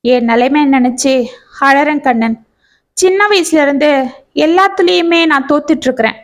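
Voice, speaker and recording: A woman's voice: high-pitched, normal speed, natural voice. Woman voicing a grieving, tearful single mother. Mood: pleading. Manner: tearful, pleading, rising and raw. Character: grieving middle-aged single mother, anxious.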